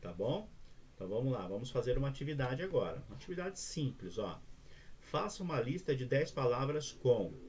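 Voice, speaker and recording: A man's voice: medium pitch, a little mellow, a little hiss or hum. A male teacher with a Brazilian Portuguese accent giving a recorded remote lesson, explaining step by step and often checking in with the students.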